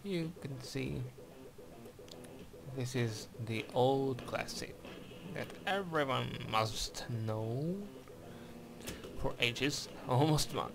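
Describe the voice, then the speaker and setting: Over game footage, a man from Hungary gives a review and commentary in careful, hesitant English with a Hungarian accent, full of fillers and restarts. His mid-range voice is gravelly and extremely slow, he pauses often, and there's background noise.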